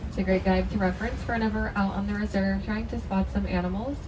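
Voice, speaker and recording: A woman's voice: fairly even intonation, fast. A woman working as a safari ride guide, giving scripted, instructive tour narration to a group of riders in an open vehicle. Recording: loud vehicle rumble and ambient noise. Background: loud vehicle and ride ambience.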